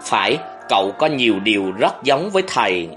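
A reader playing a calm, steady male general. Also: medium pitch, fairly quick, music in the background, close to an everyday voice. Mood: reflective. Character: calm, thoughtful male general, fond and measured. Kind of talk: audiobook character voice.

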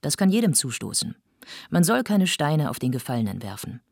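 A woman reading a novel aloud, voicing a tolerant older gentleman who speaks in a measured, soothing way. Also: low voice, very animated, gravelly, slightly rough, dry recording, studio quality, heavily acted. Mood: calm.

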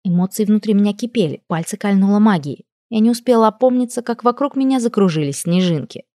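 A woman narrating a first-person fantasy audiobook in a lively, expressive way on a close mic. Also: medium pitch, quick pace, no echo.

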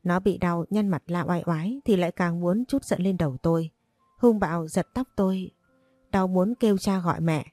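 A woman narrating a first-person story with a steady, expressive reading. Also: fairly low pitch, normal speed, no echo, soft background music.

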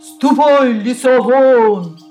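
A woman's voice: high voice, extremely slow, warm tone, soft background music, voice pushed up, low-quality recording. A woman voicing a male wolf who howls and blusters with big threats. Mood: blustering. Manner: howling, blustering. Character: male wolf, fierce but cowardly.

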